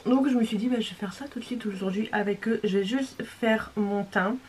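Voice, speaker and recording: A woman's voice: medium pitch, brisk, darkish tone, a little hiss or hum. A young woman talking casually through a makeup tutorial, chatty and rambling with many fillers, sometimes dropping to a whisper. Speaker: beauty vlogger.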